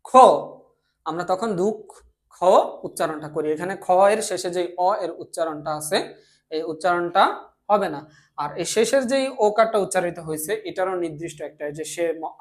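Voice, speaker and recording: Bangladeshi man teaching, repeating himself. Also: a little high. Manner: explains step by step, repeats himself, asks and answers his own questions. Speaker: Bengali language teacher. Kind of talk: classroom lecture.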